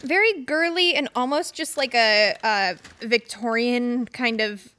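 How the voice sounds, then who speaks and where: A woman's voice: a little high, a little slow, sharp tone. A young woman co-hosting a podcast, talking casually, joking and swearing freely. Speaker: podcast co-host. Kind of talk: casual chat.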